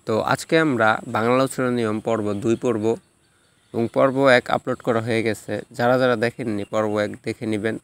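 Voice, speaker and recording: A man teaching a recorded lesson, reading out rules and repeating example words slowly and carefully. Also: medium pitch, fairly bright tone, clear, resonant tone, no echo. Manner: slow, drawn-out repetition of example words.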